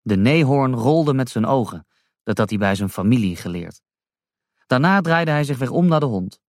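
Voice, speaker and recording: Man, children's story reading, slow, expressive, lively pitch, dry close sound. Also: dry recording.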